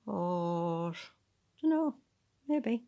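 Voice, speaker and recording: Reading a picture book aloud, a woman uses a soft, breathy, lowish voice with lively intonation and drawn-out words. She adds musing, conversational asides about the illustrations as she goes.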